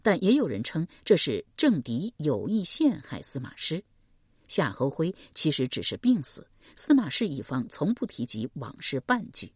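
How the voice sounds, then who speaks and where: A woman narrating a historical mystery audiobook with expressive storytelling. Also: deep voice, moderate pace, breathy edge, no echo, studio quality. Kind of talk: scripted narration.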